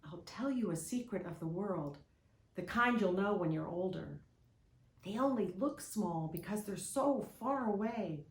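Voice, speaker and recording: A woman's voice: mid-range voice, lively intonation, measured pace. Woman voicing a seven-year-old boy, knowing, confident, explaining, roomy echo. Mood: confiding.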